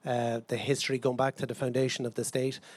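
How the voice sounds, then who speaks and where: An Irishman with a hesitant, halting way of talking, answering questions in a live interview. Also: mid-range voice, little pitch movement, a little mellow, no room sound. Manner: hesitant, halting, frequent pauses.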